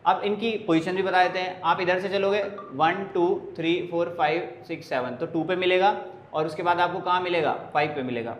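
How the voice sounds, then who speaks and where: A male chemistry teacher with a high, slightly fast voice lectures a class step by step, posing questions, answering them himself, and counting carbons aloud. The room is echoey with a faint background hiss.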